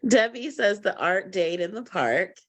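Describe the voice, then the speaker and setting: A woman's voice: medium pitch, animated, measured pace. A woman co-hosting a book club on a video call, reading out comments and laughing along. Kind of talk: casual chat on a video call.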